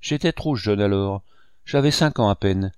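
A man reading the lines of a cold, bitter young male cashier bent on revenge, measured and cutting. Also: fairly low pitch, darkish tone, clean tone, no echo, studio quality, natural voice. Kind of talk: audiobook character reading.

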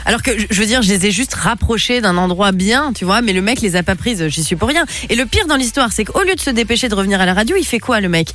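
A woman's voice: mid-range voice, lively intonation, fast talker, hardly any pauses, fairly bright tone. A woman co-hosting a radio show in casual banter, speaking assertively.

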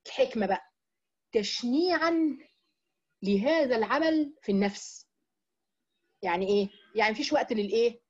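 A woman with an Egyptian Arabic accent teaching a religious lesson to women, asking herself questions and drawing out key words slowly for emphasis. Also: medium pitch, darkish tone, breathy edge, muffled recording. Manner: explains with rhetorical questions and checks "right?". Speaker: Quran teacher.

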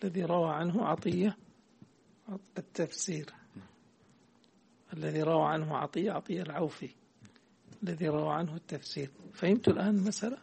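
Sheikh teaching class, gravelly husky voice, stops to quiz the student. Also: male voice, a little high, brisk, pauses often, a little mellow. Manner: quizzes the student, corrects readings, explains patiently. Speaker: teacher of hadith sciences. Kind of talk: classroom text commentary.

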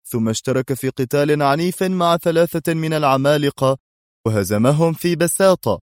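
A man's voice: medium pitch, a little mellow, dry recording, clean studio sound, pitched above the performer's own voice, lightly acted. A man voicing a sceptical male policeman who talks down as if to a child. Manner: condescending, as if to a child.

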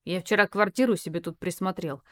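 A woman's voice: fairly low pitch, a little fast, lightly acted. Woman reading a touchy, sulky young man. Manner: sulky, curt replies.

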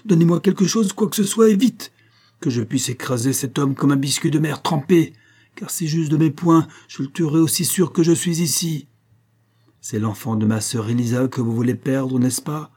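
A man's voice: mid-range voice, steady tone, normal speed, hardly any pauses, natural voice. A man bellowing as a furious old sea captain. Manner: shouting, bellowing threats.

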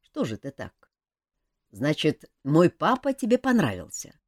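A woman playing a composed male leader, calm and dryly ironic, low in pitch. The lines move with lively, varied intonation in a dry, close recording. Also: measured pace, husky, no room sound, exaggerated voice.

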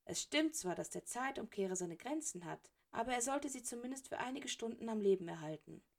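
A woman's voice: a little high, animated, brisk, gravelly, voice pushed up. Woman doing an old male wizard, jovial, soothing, unflappable, raised voice, storybook audiobook. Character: cheerful elderly male headmaster wizard, unflappable. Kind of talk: audiobook character reading.

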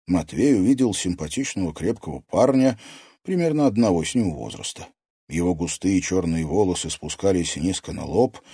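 A man's voice: deep voice, mellow, husky, no echo, clean studio sound. A man narrating a fantasy novel as an audiobook reader, telling it dramatically. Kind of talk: scripted narration.

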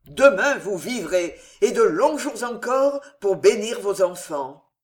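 A reader voicing a calm, resolute young nobleman in an audiobook, speaking firmly and solemnly. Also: high-pitched, heavily acted. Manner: firm, solemn, measured. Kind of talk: audiobook character reading.

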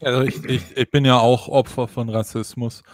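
A man from Germany in a casual podcast chat, joking with deadpan irony. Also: medium pitch, moderate pace. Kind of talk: casual panel discussion.

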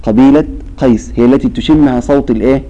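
An Egyptian-accented man teaches Quran recitation to a class, repeatedly having students fill in the word he's about to say and drawing out the verses slowly as he recites. His voice is medium-pitched and mellow, and the recording's highs are cut off. It's a classroom lesson.

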